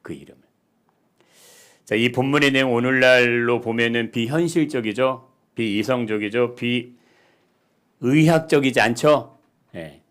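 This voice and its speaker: A male pastor giving a sermon, asking the congregation questions and swinging between soft, quiet lines and loud, emphatic ones. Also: mid-range voice, measured pace, long pauses.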